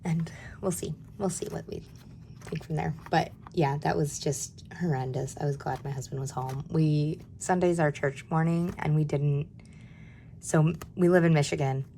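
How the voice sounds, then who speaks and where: Low gravelly-voiced woman chatting candidly. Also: steady tone, moderate pace, mellow, a little hiss or hum. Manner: candid and chatty, drops to a near-whisper at times. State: hoarse from a cold. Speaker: budgeting vlogger. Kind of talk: casual chat while stuffing cash envelopes.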